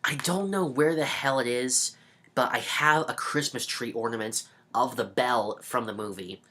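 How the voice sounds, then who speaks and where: Bright-voiced young man chatting a review. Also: medium pitch, moderate pace. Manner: chatty and rambling, fond of the film. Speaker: video reviewer. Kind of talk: casual DVD review.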